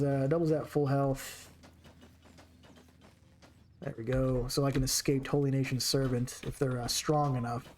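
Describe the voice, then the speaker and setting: A man's voice: medium pitch, a little mellow, slight background noise. Chatty man commenting on his game. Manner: chatty, talks to his characters. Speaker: streamer. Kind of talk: casual gameplay commentary.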